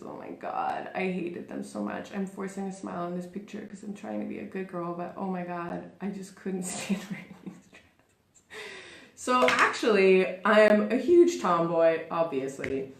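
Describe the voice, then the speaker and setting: A woman's voice: medium pitch, normal speed, creaky. Theatrical chatty woman in a roomy space. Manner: theatrical and self-mocking; chatty, with frequent "like" and "super". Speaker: talk show host. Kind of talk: live personal monologue. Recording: roomy echo.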